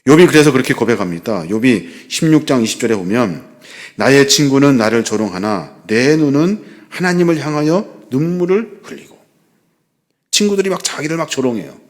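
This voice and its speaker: A man in his forties, a pastor, giving an earnest sermon that rises to fervent pleading. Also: fairly high pitch. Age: 40s. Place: church hall.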